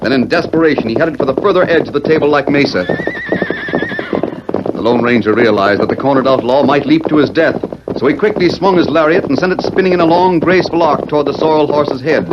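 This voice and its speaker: A man narrates a 1940s radio western, his voice a little high and fairly quick, delivering the story in a formal, dramatic style. The recording is noisy and muffled, typical of 1940s radio.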